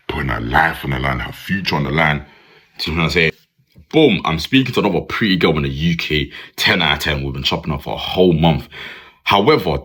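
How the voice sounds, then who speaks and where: A young man with a British accent tells dating stories straight to camera, animated and casual, ending his lines with "bro". His voice sits very deep, with a bright, forceful edge and a husky grain. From United Kingdom.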